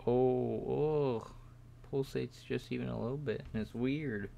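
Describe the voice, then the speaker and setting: A man's voice: steady tone, measured pace, gravelly, mellow, slight background noise. A young man streaming live, rambling and joking at himself as he talks to his viewers while he models in 3D. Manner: yawning, low-key late evening.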